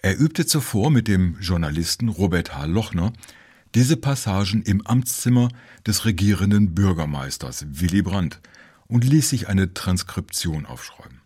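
A man narrating a history documentary in a measured, informative way. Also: low voice, lively intonation, a little mellow, husky.

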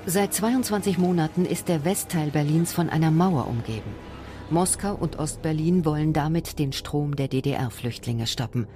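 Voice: mid-range voice, moderate pace, dark tone, soft background music. A narrator reading an archival news report in a formal announcing tone. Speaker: newsreel narrator.

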